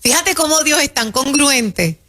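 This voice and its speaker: A woman preaching in an emphatic sermon style on a radio show, calling her listeners her children and slowing down to stress key phrases. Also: high voice, expressive. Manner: warm, emphatic, addresses listeners as "mis hijos".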